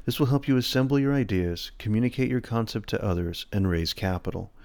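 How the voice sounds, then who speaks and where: A man with a low voice hosts a podcast, reading sponsor spots and a guest introduction before easing into conversation. He speaks in a close, dry sound and leans on ums and uhs when talking off script. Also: no echo. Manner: hesitant, many fillers in conversation. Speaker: podcast host.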